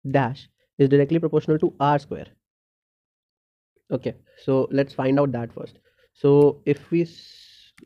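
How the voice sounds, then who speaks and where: A man tutoring through exam problems, thinking out loud step by step in a halting, unscripted way with pauses and self-corrections. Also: medium pitch. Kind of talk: unscripted problem-solving lesson. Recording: dull lo-fi microphone.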